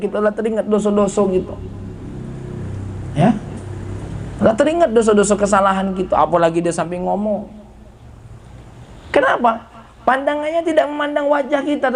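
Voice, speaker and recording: A high-voiced man preaching. He talks to his young students in an animated, teasing way, acting out short exchanges. Faint noise sits behind the voice. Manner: animated, breaks into slow singing, mimics students in dialogue. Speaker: preacher and head of a modern Islamic boarding school. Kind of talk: lively sermon to students.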